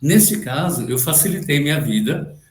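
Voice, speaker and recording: A man's voice: on the high side, animated, moderate pace, reverberant. A man teaches Byzantine chant on a video call, explaining and tagging his points with frequent questions, now and then chanting a short phrase. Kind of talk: online music lecture with sung examples.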